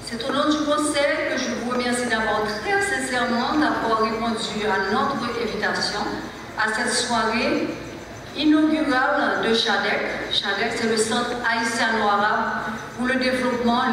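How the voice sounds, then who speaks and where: A woman's voice: a little high, background noise. Older woman giving a formal hall speech. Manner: measured, formal, reading from notes. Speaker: center founder giving opening speech. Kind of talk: formal speech read aloud. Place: large hall stage at a lectern. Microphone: lectern mic on stand. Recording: echoey hall from far off.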